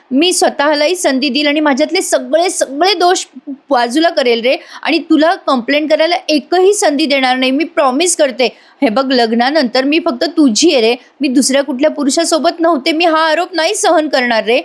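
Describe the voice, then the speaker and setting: A woman voicing a scheming young wife who pleads in a high, whiny tone. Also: normal speed, close to an everyday voice. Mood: pleading.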